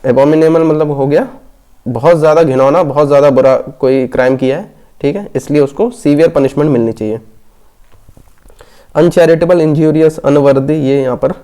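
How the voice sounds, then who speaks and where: Man, exam prep teacher, mellow tone, slightly high voice, explains step by step. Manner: explanatory, frequent "theek hai" check-ins, reads questions slowly. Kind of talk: Hindi-English exam review lesson.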